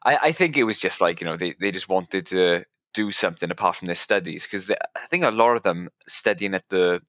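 A man's voice: deep voice, brisk, fairly bright tone, dry recording, dull audio. A man co-hosting a podcast in casual chat, thoughtful and hedging as he talks. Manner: thoughtful, hedging, chuckles often. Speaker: podcast co-host. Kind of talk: casual conversation.

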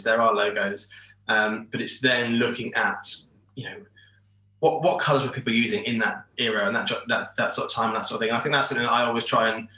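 A sharp-toned, mid-range male voice belongs to an English shirt designer in his forties, appearing as a guest over a video call. He rambles hesitantly with many restarts, and the internet call picks up an echoey room.

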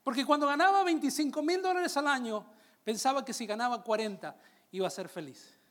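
A Latin American man preaching a sermon, calling out to his congregation and slowing down on key phrases. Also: extremely high pitch, fairly bright tone. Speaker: pastor.

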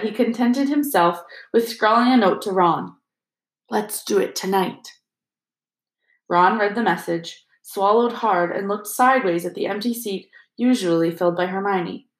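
A woman narrating a fantasy novel as an audiobook, in a steady storytelling manner. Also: medium pitch. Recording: roomy echo.

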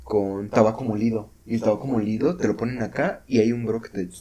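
A man's voice: fairly low pitch, a little fast, warm tone. A young man, co-hosting a casual podcast and telling a story animatedly with sound effects and restarts. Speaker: podcast co-host. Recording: home podcast recording.

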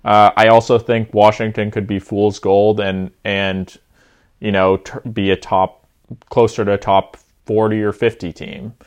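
A young man co-hosts a casual sports betting podcast, working through college football rankings in a thoughtful, hedging way and often restarting sentences. His voice is lowish, smooth, and level, at a measured pace.

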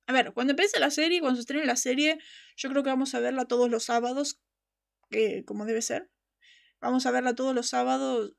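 A woman's voice: a little high, gravelly. A woman hosting a casual fan show, talking passionately and emphatically and laughing often. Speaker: podcast host.

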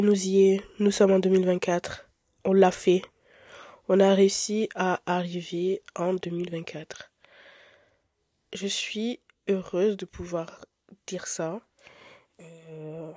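A young woman who grew up in Italy, hosting a podcast in a candid, expressive, chatty way with frequent filler words. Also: medium pitch, no room sound, studio quality. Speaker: podcast host. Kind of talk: casual podcast monologue.

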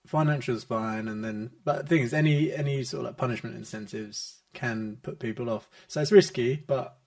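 A man's voice: mid-range voice, moderate pace, a little mellow. A British man chatting casually on a podcast in a hesitant, loosely rambling way. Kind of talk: casual chat.

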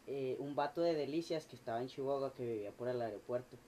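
A man, a podcast guest telling a story in animated, slangy, swearing casual chat. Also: medium pitch, fast, a little hiss or hum.

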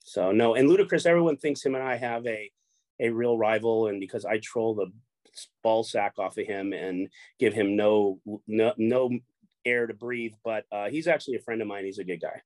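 A middle-aged Chicago man who runs a poker show chats casually as a guest, rambling, repeating words and swearing freely. His voice is lowish and a little mellow at a normal speed, recorded dry.

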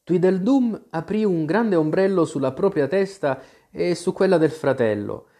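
A storybook narrator reading in a measured, expressive manner. The voice moves lively up and down, mid-pitched. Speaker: audiobook narrator.

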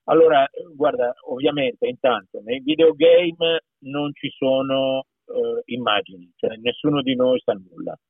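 A man's voice: medium pitch, unhurried, vocal fry, few pauses, slightly rough, no echo. A middle-aged man with a Piedmontese accent, a voice actor speaking emphatically in an interview. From Piedmont, Italy. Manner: emphatic, repeats words, animated. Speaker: voice actor guest. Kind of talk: conversational interview. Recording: tinny phone-like call line.

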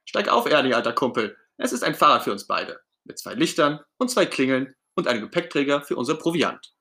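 A man's voice: mid-range voice, expressive, brisk, bright, forceful tone, pitched above the performer's own voice. A man voicing Bert, a fussy, strict male puppet friend who nags, in a storybook read-aloud. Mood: warm. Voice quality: stern and nagging.

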